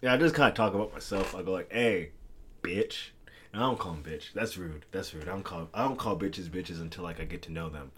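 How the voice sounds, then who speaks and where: A man's voice: sits low, fairly quick, a bit bright, slight background noise. A man co-hosting a podcast, telling crude stories in casual chat and laughing often. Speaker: podcast co-host.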